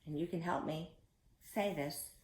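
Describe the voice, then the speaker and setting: In a low voice, a woman reads a storybook aloud to young children. She goes deliberately and stops now and then to ask her listeners questions.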